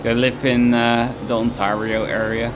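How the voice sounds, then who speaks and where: A man's voice: medium pitch, little pitch movement, measured pace, noisy background. A man streaming a game from home, chatting casually in a rambling, self-mocking way that often trails off. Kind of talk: casual chat while gaming. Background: game music.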